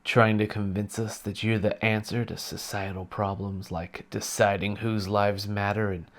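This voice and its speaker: Deadpan sarcastic man ranting. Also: fairly low pitch, moderate pace. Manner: mock-earnest, deadpan sarcasm. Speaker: satirical commentator. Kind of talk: sarcastic comedic rant.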